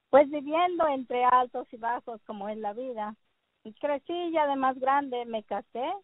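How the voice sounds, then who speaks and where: Speaking by phone, a middle-aged caller from Jalisco, Mexico, recounts her story in a halting way, full of fillers. The line is dry and tinny, and her pitch sits fairly high.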